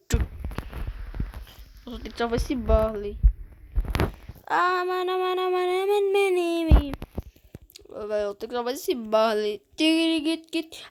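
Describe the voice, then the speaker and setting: A woman with a Brazilian Portuguese accent giving excitable gameplay commentary, often breaking into panicked exclamations. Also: a little high, noisy background. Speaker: gamer streamer.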